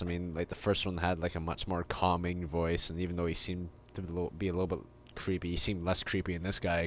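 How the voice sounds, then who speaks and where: A man's voice: low-pitched, slight background noise. A man streaming a game, giving laid-back, rambling casual commentary.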